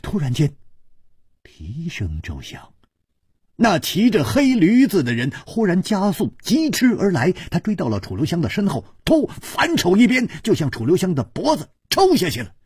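A man's voice: high-pitched, huge pitch swings, normal speed, a little mellow, slightly rough, no room sound, studio quality. A man telling a traditional long-form story aloud with a dramatic, rising and falling delivery.

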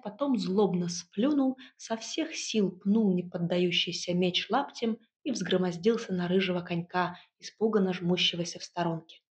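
A woman reading a first-person audiobook in a wry, lively storytelling manner. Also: lowish voice. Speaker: audiobook narrator.

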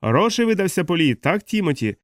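A man voicing a boisterous winged vampire uncle who talks loudly, as if on an opera stage. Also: mid-range voice, expressive, a little fast, no room sound, clean studio sound, natural voice. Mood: exuberant. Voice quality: loud, operatic.

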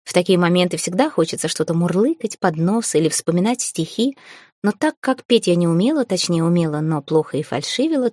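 A woman narrating a first-person audiobook in a measured, wry manner. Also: lowish voice, darkish tone, dry recording, studio quality.

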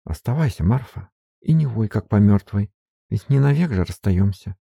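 A man voicing a young lady singer who speaks softly but firmly. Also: lowish voice, expressive, normal speed, gravelly, slightly rough, no room sound, clean studio sound, voice pushed up, exaggerated voice. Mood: tender.

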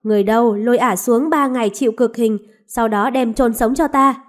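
A woman's voice: fairly high pitch, fairly even intonation, fairly quick, close to an everyday voice. A woman voicing a cruel, arrogant young prince who speaks in a harsh, commanding way. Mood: furious.

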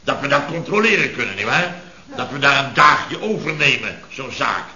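A boastful, scheming boss in an old radio serial, with a piercing, sharp tone. He brags in short, clipped bursts and keeps seeking agreement. It is a dull, roomy old radio recording. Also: mid-range voice, expressive, moderate pace. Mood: boasting. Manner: clipped, fragmented bragging with "nietwaar?" tags. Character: boastful, scheming middle-aged male business boss. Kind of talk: 1960s radio serial acting.

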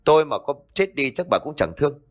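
A man voicing an irritable husband, rapid scolding, low voice, storybook ghost tale. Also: lively intonation, a bit bright. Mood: irritated. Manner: fast, snappish scolding. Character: irritable grumbling husband, middle-aged man.

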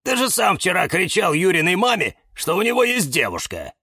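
A man voicing a steady, reassuring male cactus with a firm, snorting manner, in a children's storybook. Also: high-pitched, a little fast, vocal fry, slightly rough, no echo, clean studio sound, pitched above the performer's own voice, exaggerated voice.

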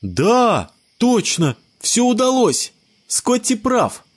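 A man voicing a squeaky, indignant ten-year-old boy in an audio story. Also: wildly swooping pitch, takes it slowly, breathy edge, full character voice. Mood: relieved. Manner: shrill, shouting.

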